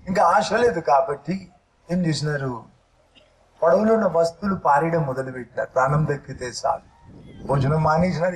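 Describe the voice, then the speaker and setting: A man's voice: on the high side, poor audio. A male pastor preaching a sermon, asking rhetorical questions and using everyday examples.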